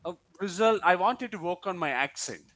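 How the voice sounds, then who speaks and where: A man's voice: sits high, animated, normal speed, fairly bright tone. A man who is not a native English speaker, answering interview questions in a hesitant way with restarts.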